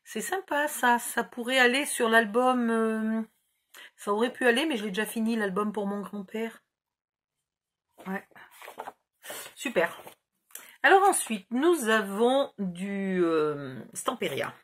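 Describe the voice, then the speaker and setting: A woman's voice: on the high side, animated, slow, long pauses, fairly bright tone. A middle-aged woman chatting casually through a scrapbooking haul, rambling and mocking herself as she loses track. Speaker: scrapbooking YouTuber. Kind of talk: casual haul video chat.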